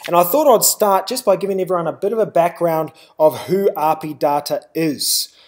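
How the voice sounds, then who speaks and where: A man's voice: a little high, moderate pace. A man with a New Zealand accent giving a live webinar presentation, talking loosely with lots of "uh" and "you know".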